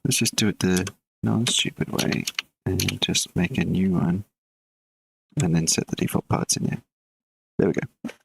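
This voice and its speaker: This game developer speaks in a low, unhurried voice with vocal fry, pausing often, while heavy background noise fills the recording. Streaming a live coding session, he mutters and thinks aloud in a relaxed way, chatting casually with viewers between code.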